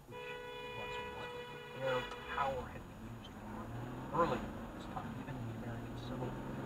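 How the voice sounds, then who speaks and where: A man telling history in a conversational, explanatory way, with emphatic asides and repeated phrasing. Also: mid-range voice. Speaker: history narrator. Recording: distant playback under loud vehicle noise. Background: loud vehicle and road noise.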